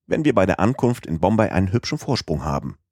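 A man's voice: low-pitched, quick pace, no room sound, clean studio sound, heavily acted. A male audiobook reader voicing a chatty, naive young French manservant who talks eagerly and a little proudly. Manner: talkative, excitable, proud.

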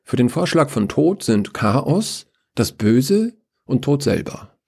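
A man's voice: medium pitch, sing-song, slow, gravelly, mellow, breathy edge, pitched above the performer's own voice, full character voice. A man voicing Order, a fussy, bureaucratic male figure who talks in a prim, hectic way.

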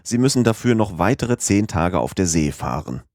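A man's voice: deep voice, moderate pace, dry recording, clean studio sound. A man as a suspicious, probing police agent. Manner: calm, questioning, coaxing. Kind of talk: audiobook character voice.

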